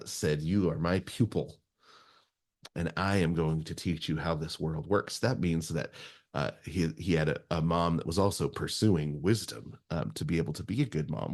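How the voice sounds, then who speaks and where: A man preaching a sermon in a halting way, with many fillers and restarts, often adding "right?". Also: low voice, a little mellow.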